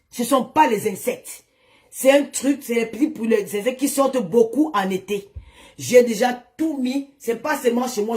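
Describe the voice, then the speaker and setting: An influencer broadcasts live on her phone from home, showing items to the camera, chatting with her followers and scolding those who comment. Her voice is on the high side and a little mellow.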